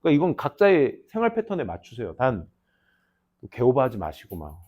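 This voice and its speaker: Teasing, lively male teacher. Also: mid-range voice, brisk. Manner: teasing, banmal lecturing with lively asides. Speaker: English teacher. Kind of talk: casual classroom lecture. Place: classroom. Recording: dull lo-fi lecture recording.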